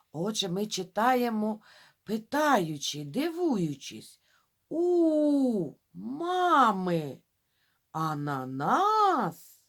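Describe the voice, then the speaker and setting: A woman teaching young children to read, sounding out syllables slowly and talking straight to them. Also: lowish voice, husky. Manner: drawn-out syllable-by-syllable modelling of reading; addresses children directly, coaxing. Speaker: primary school teacher. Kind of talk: reading lesson for young children.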